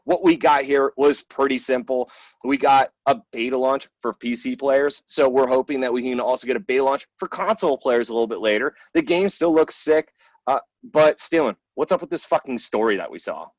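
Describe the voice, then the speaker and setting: A male host talks through gaming news in a chatty, informal way, blunt in his opinions. His voice is medium in pitch and close and dry, though the sound is slightly dull. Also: brisk, dry recording. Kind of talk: casual gaming debrief, chatty with swearing.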